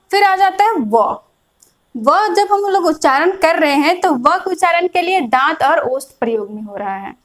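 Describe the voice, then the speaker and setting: A woman teaching a grammar lesson, explaining slowly and repeating each point, often checking whether her students follow. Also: extremely high pitch, poor audio. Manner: patient, repeats points, checks in with frequent "is that clear". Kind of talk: classroom lecture explaining a chart.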